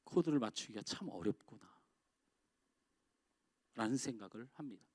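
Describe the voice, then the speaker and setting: A middle-aged male pastor preaching a sermon in a church, talking with the congregation through rhetorical questions and swinging between raised exclamations and quiet, dropped phrases. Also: mid-range voice, expressive, normal speed, husky, no echo. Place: church sanctuary.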